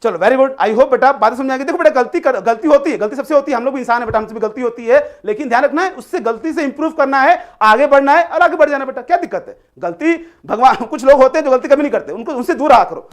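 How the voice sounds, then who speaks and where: A man's voice: extremely high pitch, expressive, quick pace, few pauses. Guy tutoring a live online class, patient coaxing tone, keeps repeating himself, drops english bits in. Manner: coaxing, repetitive, mixes English phrases, calls students "beta".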